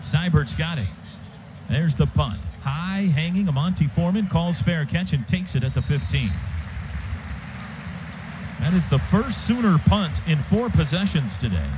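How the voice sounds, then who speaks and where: Speaking at a measured pace, an American man with an expressive, somewhat high voice handles live football play-by-play on the radio. He works from a stadium booth, using crisp, punchy lines, and the broadcast sound is dull and noisy.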